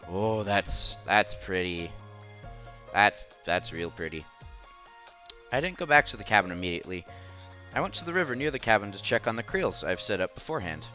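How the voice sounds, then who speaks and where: His voice sits on the low side but sounds pushed and bright, with a sing-song lilt and a moderate pace. He reads a visual novel for his stream, mixing narration with conversational asides and stopping to react, while game music plays below.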